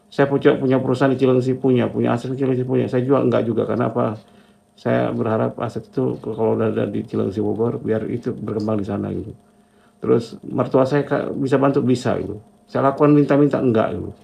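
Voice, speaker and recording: A man's voice: medium pitch, steady tone, fast, gravelly, warm tone, lo-fi sound. A middle-aged man telling his own story as a motivational testimony, reflective and repetitive, ending phrases with a casual filler. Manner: reflective, talks in short repeated phrases with a filler at each line end.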